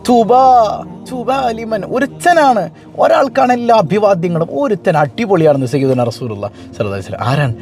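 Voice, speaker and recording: A man preaching fervently, telling stories and jumping his pitch often. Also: brisk, faint music behind. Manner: fervent, animated storytelling with frequent pitch leaps. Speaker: Islamic preacher. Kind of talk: sermon with told stories.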